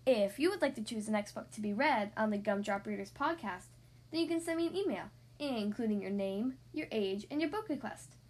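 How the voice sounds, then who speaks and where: A woman hosting a children's podcast, reading a picture book aloud in an expressive, sing-song way. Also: medium pitch, fairly quick.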